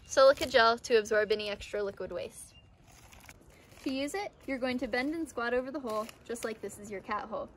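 A young woman in her twenties giving a scripted outdoor skills lesson in a backyard, upbeat and playfully deadpan, recorded on a camera mic. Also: fairly high pitch, slight background noise. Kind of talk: scripted instructional video.

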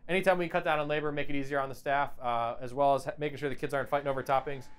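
A man's voice: fairly even intonation, very fast, clean tone. A man from a pizza company giving an upbeat product demonstration. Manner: upbeat sales pitch.

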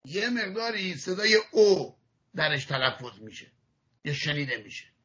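A man teaching a religious lesson, his voice high for a man and bright. He explains patiently and demonstrates each sound again and again, clearing his throat now and then. The audio is muffled, like an old archive recording. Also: big pitch swings. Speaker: rabbi teaching Hebrew pronunciation.

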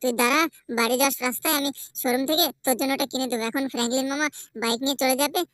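A woman's voice: sits high, fairly even intonation, very fast, a bit bright, dry recording. A woman voicing a scared, whiny little boy who keeps pleading with his uncle and repeats his words. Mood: cheerful. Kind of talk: game play voice acting.

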